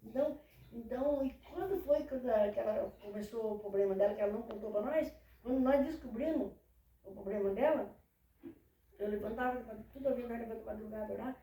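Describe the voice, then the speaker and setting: An older woman tells her life story in a relaxed, fairly high voice, often quoting prayers and her grandmother. She sounds a little far from the mic, in a roomy space with faint ambient noise around her. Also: quick pace. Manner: devout, retells prayers and quotes elders. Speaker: interviewee. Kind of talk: casual life-story telling. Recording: echoey room from far off.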